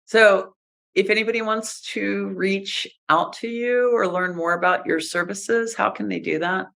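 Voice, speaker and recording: A middle-aged woman hosts a casual interview show, thanking her guest warmly in an easy, chatty way. Her voice has a slight gravelly edge. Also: medium pitch, fairly even intonation, a little slow. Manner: warm, appreciative, chatty with laughs. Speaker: podcast host. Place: home studio with wooden wall.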